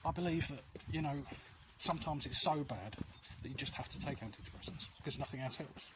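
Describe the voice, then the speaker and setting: A slightly high-voiced vlog host speaks fairly quickly while walking along outdoor alleys. In a relaxed, rambling chat he gives viewers sincere, reassuring advice and frequently loses his thread, with outdoor ambience clearly present.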